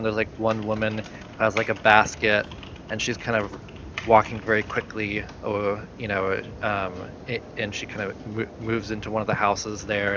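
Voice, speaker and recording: A man's voice: fairly low pitch, dull audio, noisy background. A man narrating a tabletop game as game master, hesitant and full of fillers.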